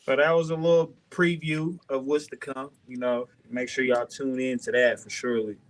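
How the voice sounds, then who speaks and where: A man's voice: mid-range voice, little pitch movement, normal speed, poor audio. A man hosting a casual podcast, talking in a laid-back, slangy way. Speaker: podcast host.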